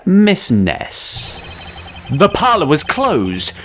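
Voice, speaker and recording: A man's voice: a little high, huge pitch swings, fairly bright tone, a little hiss or hum, pitched above the performer's own voice, full character voice. Phoenix Wright, a man voicing a confident lawyer. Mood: assertive. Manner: deliberate, emphatic courtroom delivery. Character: confident young male defense lawyer.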